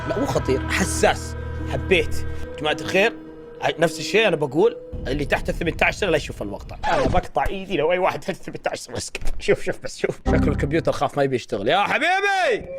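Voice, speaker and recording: A man reacting to horror clips, excitable and joking with shouted exclamations. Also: on the high side, racing, music in the background. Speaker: reaction video host.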